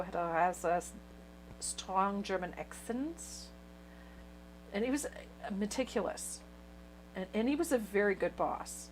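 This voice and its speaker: A woman's voice: lowish voice, slight background noise. A chatty woman who laughs easily, teaching a painting tutorial. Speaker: painting instructor.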